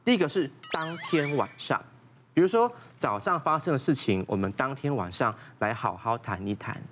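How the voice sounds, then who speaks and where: A man's voice: mid-range voice, animated, moderate pace, a bit bright, a little hiss or hum. A man, a doctor on a talk show, giving step-by-step parenting advice with case stories. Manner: gives numbered advice with case stories, laughs often. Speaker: doctor guest.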